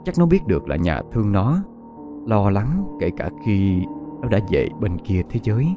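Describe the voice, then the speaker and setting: A man narrating a ghost story in a steady, somber way. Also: fairly low pitch, normal speed. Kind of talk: scripted horror narration. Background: faint music.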